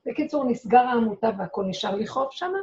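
Woman, fairly high voice, dark mellow tone, dramatic personal testimony, dull lo-fi recording. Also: expressive. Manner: dramatic storyteller who acts out her own cries and quotes. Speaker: rebbetzin giving a talk. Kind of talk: personal testimony told to an audience.

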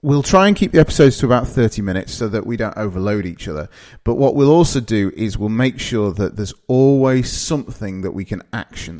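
Lowish and darkish in tone, the voice belongs to a podcast host in his thirties from northeast England. He introduces his show in a relaxed, chatty way with a northern English accent, peppered with fillers and restarts.

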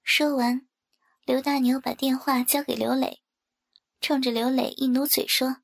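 A woman narrating a first-person story in a soft, even reading manner. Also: high-pitched, a little slow, gravelly. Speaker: audiobook narrator.

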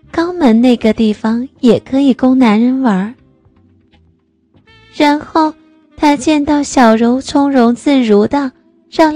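Slow, mellow woman storyteller. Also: a little high, dry recording. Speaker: narrator.

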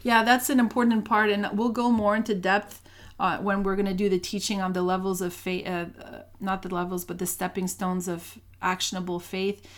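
A woman's voice: medium pitch, flat delivery, moderate pace. Earnest woman in her 30s teaching about faith, chatty, keeps restarting sentences. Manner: earnest, storytelling, many restarts. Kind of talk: casual faith talk with personal story.

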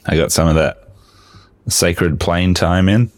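A man with an extremely deep, gravelly voice that sounds a bit sick. He chats in a loose, rambling, laid-back way, recorded close and dry with no room sound. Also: steady tone, slow pace, dry recording. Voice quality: gravelly, says he has a sick voice. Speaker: podcast co-host. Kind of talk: casual chat.

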